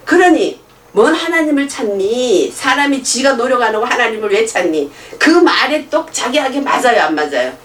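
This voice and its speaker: Animated woman preacher in an echoey hall. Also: on the high side, normal speed. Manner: animated, acts out dialogue in different voices, laughs often. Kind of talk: sermon with storytelling. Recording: echoey room picked up from a distance.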